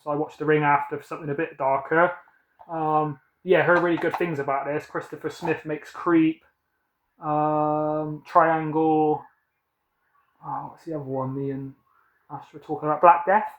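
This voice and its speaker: Rambling cheerfully and correcting himself as he goes, a British man in his thirties talks about his film collection in a casual haul video. His higher-pitched voice comes through poor, reverberant audio with a bit of hiss or hum.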